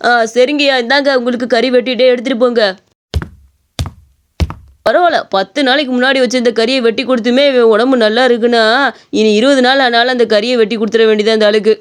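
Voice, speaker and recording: A woman's voice: fairly high pitch, steady tone, fast, clear, resonant tone, lightly acted. A woman voicing a greedy, cowardly male mutton seller in a cartoon story, scheming and pleading. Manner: scheming, then panicky pleading.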